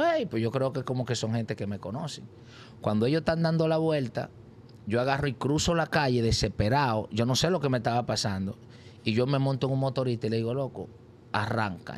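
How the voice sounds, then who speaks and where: A man's voice: a little mellow, slight background noise. A man telling his life story in an interview, acting out the voices of the people in it. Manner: acts out voices in his story with sudden high cries. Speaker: interview guest. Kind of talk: animated personal testimony.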